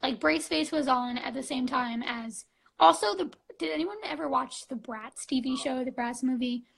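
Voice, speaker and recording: A woman's voice: sits high, moderate pace, vocal fry, slightly rough, low-quality recording. A woman in her twenties chatting casually on a live stream, gushing and bubbly, full of fillers like "like" and "um", on a phone mic. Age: 20s.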